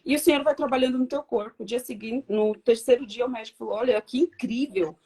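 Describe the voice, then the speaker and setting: A woman's voice: fairly high pitch, fast, dark tone. A woman giving an earnest, reflective personal faith testimony as a guest on a video call.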